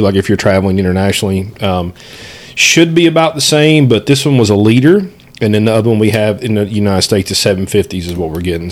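A man with an Eastern Kentucky accent and a fairly low voice. He talks casually, as the host of a relaxed tasting discussion among a few people. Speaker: whiskey review host. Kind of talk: casual panel chat.

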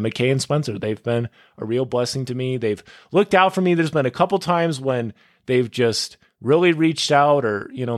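A young man hosting his podcast alone, talking casually and going off on tangents, with lots of "like" and "dude.". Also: mid-range voice. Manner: rambling, goes off on tangents, full of "like" and "dude". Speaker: podcast host. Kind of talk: casual solo podcast monologue.

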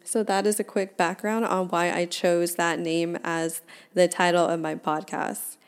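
Smooth-voiced woman in her twenties. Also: on the low side, level tone, measured pace. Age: 20s. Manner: candid, chatty, laughs at herself. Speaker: podcast host. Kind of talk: casual solo podcast talk.

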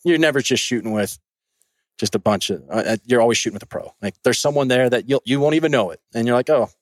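A man's voice: medium pitch, expressive, quick pace, dry recording. A man, a shooting instructor, talking earnestly in a casual podcast conversation, often restarting his words.

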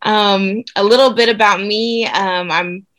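A woman's voice: mid-range voice, fairly even intonation, a little slow, fairly bright tone. A young adult woman from Nigeria, a doctor guest answering interview questions with upbeat enthusiasm. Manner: enthusiastic, upbeat, frequent fillers.

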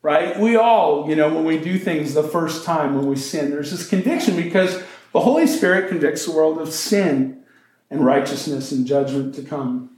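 A man's voice: a little high, moderate pace, darkish tone, echoey room, a little hiss or hum. A male pastor preaching a sermon in a conversational way, with joking asides.

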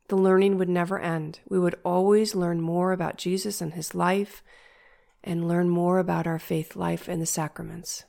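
An older woman with a congested, nasal voice from a stuffed-up head, giving a measured, instructive coaching monologue as a podcast host. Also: mid-range voice, vocal fry, a little mellow.

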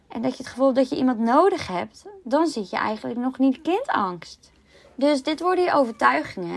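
Gravelly-voiced woman coaching. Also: a little high. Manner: calm, explanatory, self-mocking asides. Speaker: life coach. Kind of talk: solo podcast monologue.

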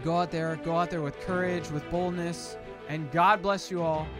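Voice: mid-range voice, fairly even intonation, moderate pace, music in the background. A preacher giving a fiery, informal evangelistic sermon in an emphatic, exhorting way, with sarcastic asides and rhetorical questions. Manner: self-described yelling preacher voice.

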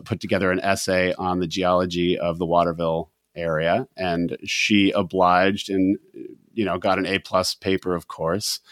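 A man hosting a casual climbing podcast with a low voice. He talks haltingly and stops often for ums and uhs. The sound is dry and close. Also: dry recording. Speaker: podcast host.

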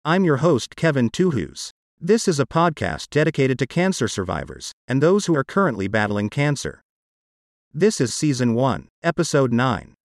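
A man's voice: medium pitch, very animated, normal speed, no room sound. Male podcast host, computer-generated speech-synthesizer voice, swinging intonation on scripted reads, dry sound. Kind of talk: scripted narration.

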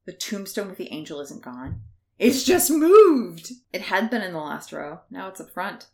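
A woman's voice: on the low side, brisk, vocal fry, a bit bright. A woman co-hosting a comedy podcast, reading a children's horror book aloud with playful, dry banter. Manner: playful, dry jokes, laughs often.

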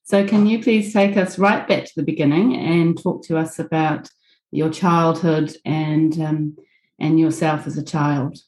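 A woman's voice: sits low, steady tone, a little slow, a little mellow. A woman hosting a podcast and interviewing a guest over a video call, her voice echoey because she recorded without a microphone. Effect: echoey room sound from recording without a mic. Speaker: podcast host. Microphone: built-in computer mic on a video call.

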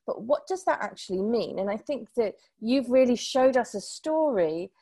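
A woman's voice: a little high, expressive, moderate pace, warm tone, husky. A woman hosting a podcast, enthusiastic and effusive as she responds to her guest. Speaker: podcast host. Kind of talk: interview hosting.

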